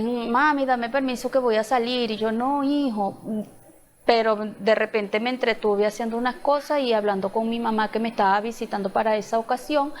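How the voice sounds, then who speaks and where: A woman with a fairly high voice shares an emotional testimony at a church service. She tells her story with feeling and gives voice to each person in it as she recounts their words. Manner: emotional storytelling, quoting dialogue. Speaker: testimony speaker.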